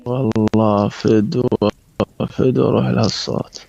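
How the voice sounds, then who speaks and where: Iraqi guy just chatting, super creaky voice, muffled lo-fi sound. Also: lowish voice, steady tone, a little slow, mellow. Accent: Iraqi Arabic. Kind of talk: casual chat. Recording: dull, lo-fi sound.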